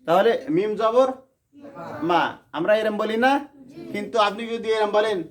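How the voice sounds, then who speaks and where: A Quran teacher, slowly drilling a class on letter sounds and urging them to repeat louder. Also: medium pitch, steady tone. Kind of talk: classroom lesson on letter pronunciation. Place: noisy classroom with students. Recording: noisy classroom with crowd chatter.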